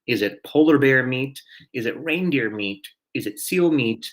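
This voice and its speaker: A man's voice: medium pitch, lively intonation, a little slow, low-quality recording. A man hosting a live-streamed trivia night, chatty and self-deprecating, often chuckling at his own mistakes. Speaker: trivia host.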